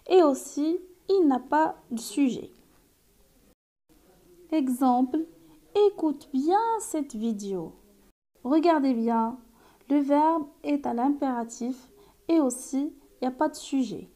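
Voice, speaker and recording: A woman's voice: high-pitched, dark tone. A woman teacher giving a grammar lesson, explaining carefully and reading out example sentences.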